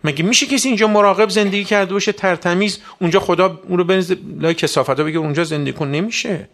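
A man preaching a sermon to a religious gathering, asking rhetorical questions and rising sharply in pitch and volume. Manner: rhetorical questions, sudden loud rises in pitch.

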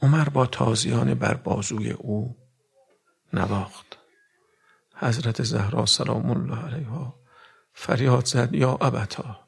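A male preacher delivering a mourning sermon, his voice heavily gravelly and husky. He drops to hushed whispers, then rises to loud cries, and turns to speak directly to his listeners. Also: mid-range voice, long pauses.

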